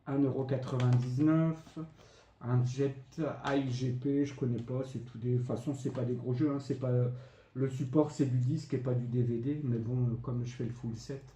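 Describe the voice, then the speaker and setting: In a warm, medium-pitched voice, a retro game vlogger displays his latest buys, chatting away and listing each item's price with lots of fillers. Faint background noise and echo fill the room.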